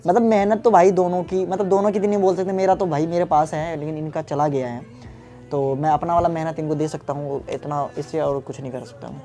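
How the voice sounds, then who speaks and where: Mellow young man, consoling and repetitive. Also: fairly high pitch, steady tone, brisk, soft background music. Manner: pleading and consoling, repeats himself. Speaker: vlogger. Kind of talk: casual prank vlog chat.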